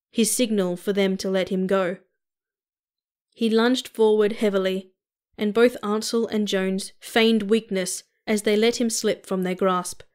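A woman reads an audiobook in an even, measured voice, with a pitch that sits right in the middle. Her narration is steady and unhurried. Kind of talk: scripted narration.

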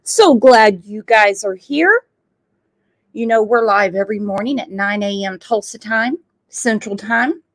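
A woman's voice: medium pitch, measured pace. A middle-aged woman, hosting a live-stream chat in a chatty, playful way and tossing out exclamations. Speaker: host of a live true-crime channel.

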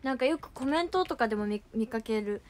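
A woman's voice: a little high, lively intonation, fairly quick, a little mellow, slight background noise. A young woman hosting a casual livestream who chats in a filler-heavy way and reacts to fan comments as she reads them. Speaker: idol livestream host.

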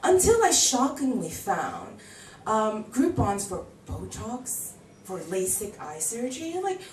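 A mid-range voice at a measured pace, with a little hiss or hum, carries this American woman's stand-up set in a small bar club. In her thirties, she's chatty and animated, acting out quoted voices. The handheld mic is captured by a distant camera in an echoey room.

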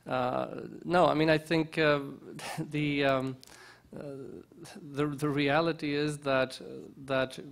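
Keynote speaker, man in his forties, gravelly, hesitant, table mic indoors. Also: fairly high pitch, little pitch movement, takes it slowly. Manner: hesitant, many restarts and fillers. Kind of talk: conference talk and Q&A answers. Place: conference lounge, indoors. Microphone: table microphone.

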